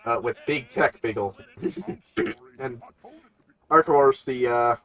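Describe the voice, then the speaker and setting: A man talking through a cartoon episode in a loose, rambling reaction style. He swears now and then and keeps his voice at a middle pitch. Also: slow, pushed and bright. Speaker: reaction streamer. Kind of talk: casual reaction commentary.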